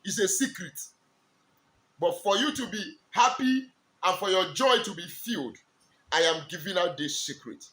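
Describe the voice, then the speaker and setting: A man from eastern Nigeria with a Nigerian accent, an Igbo speaker, preaching in slow, emphatic, drawn-out declarations as a spiritual teacher. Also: sits high, expressive, bright, forceful tone. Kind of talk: preaching to camera.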